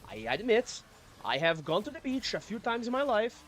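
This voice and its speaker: A man's voice: sits high, sing-song, normal speed, a bit bright, slight background noise. Grumbling, foul-mouthed man streaming a game. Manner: profane, grumbling, sardonic. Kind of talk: casual gameplay commentary. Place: home apartment.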